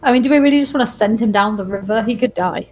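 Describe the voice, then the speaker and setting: A woman's voice: fairly high pitch, fast, crowd noise. A woman chatting casually as a player in a tabletop role-playing game.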